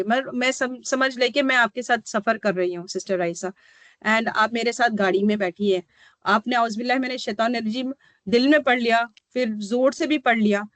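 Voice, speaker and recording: A woman with a fairly high voice teaches an online workshop as a counsellor. She explains step by step and keeps checking that her listeners follow. Her voice sounds dry and close to the mic. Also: a bit bright, no room sound. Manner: explains step by step, often asking "ठीक है?". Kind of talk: teaching workshop, mixing Hindi and English.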